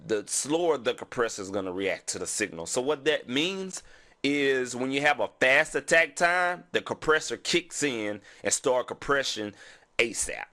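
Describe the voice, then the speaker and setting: A man's voice: medium pitch, pushed and bright. A man with a Houston accent, sounding stuffy from sinuses, casually explaining music production and saying "you know what I'm saying" again and again. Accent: Southern US, Houston. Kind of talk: casual screen-recording tutorial.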